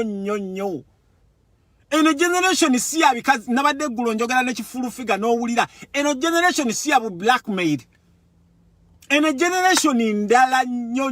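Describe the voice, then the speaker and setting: A Ugandan political commentator in Europe speaks with a strikingly high, forceful voice in an impassioned political monologue. He repeats words for emphasis and switches between languages. The recording is dry and close, with no echo.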